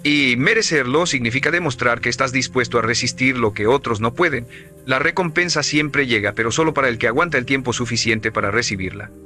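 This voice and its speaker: Bright-voiced male motivational narrator. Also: mid-range voice. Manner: emphatic, measured, preaching cadence.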